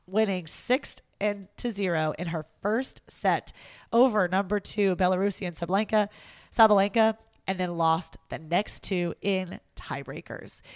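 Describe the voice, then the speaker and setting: A woman's voice: medium pitch, no room sound. A woman hosting a weekly sports news roundup in a chatty, amused way, laughing between stories.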